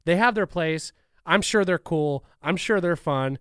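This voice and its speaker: A man's voice: fairly high pitch, lively intonation, measured pace, clear, resonant tone, dry recording, clean studio sound. A man co-hosting a casual talk show, giving opinions in an informal, slangy way.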